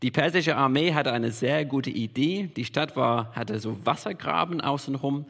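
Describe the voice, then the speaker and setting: Male pastor, gravelly voice, slow deliberate sermon, emphatic repetition, long church-hall reverb. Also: mid-range voice, a bit bright. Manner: emphatic, repeats key phrases.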